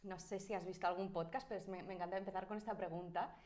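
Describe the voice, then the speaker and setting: A woman hosts a podcast interview in a mid-pitched voice, chatting casually. She jumps in often with quick questions and short encouraging sounds. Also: steady tone, a little mellow. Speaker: podcast host.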